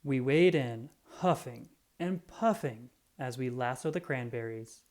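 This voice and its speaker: Someone reads a children's picture book aloud with expressive storytelling, at a medium pitch and a little slowly.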